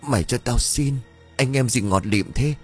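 A man voicing a young man who speaks faintly and roughly in an audiobook. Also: mid-range voice, fast talker, soft background music, voice pushed up, close to an everyday voice. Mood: weak. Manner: faint, mumbling.

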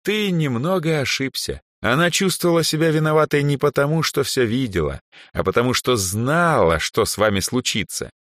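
A man's voice: mid-range voice, expressive, moderate pace, fairly bright tone, dry recording, studio quality, voice pushed up, lightly acted. A man voicing an aging male archmage who sighs, lectures and sometimes snaps in anger. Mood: rueful. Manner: sighing, lecturing, flares into anger. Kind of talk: audiobook character voice.

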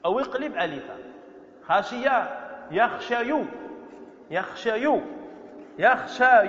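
High-voiced guy teaching grammar, stretches words out, asks then answers himself, dull echoey hall recording. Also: fairly bright tone. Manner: explains slowly, repeating words and drawing out vowels; asks students questions and answers them himself. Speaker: Islamic scholar teaching Arabic grammar. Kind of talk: classroom lecture on grammar verse.

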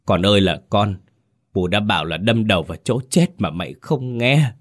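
A wailing, heartbroken peasant mother, put on by a deep-voiced male narrator. Her voice climbs high and shrill as she scolds and mourns in an audio ghost story. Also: lively intonation, moderate pace. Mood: wailing grief. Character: grieving poor peasant mother, older woman.

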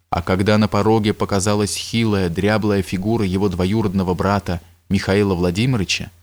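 A man reading an audiobook in a measured, solemn narration. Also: on the low side, dry recording. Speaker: audiobook reader. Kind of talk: scripted narration.

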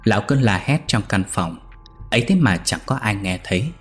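A man reading a ghost story aloud in a steady, measured way. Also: fairly low pitch, soft background music.

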